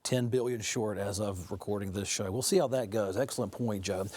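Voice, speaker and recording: A man's voice: lowish voice, brisk, darkish tone, no room sound. A man hosting a studio political panel, direct, posing pointed questions to guests. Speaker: host.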